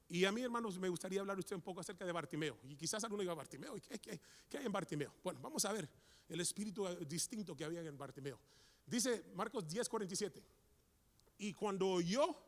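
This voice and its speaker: A man preaches with fervor, his high voice climbing into shouts as he calls out to his brothers again and again. The sound carries a long reverb from a church hall. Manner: fervent, repeats "hermano" constantly, rises to shouts. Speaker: preacher at a men's church meeting. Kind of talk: sermon.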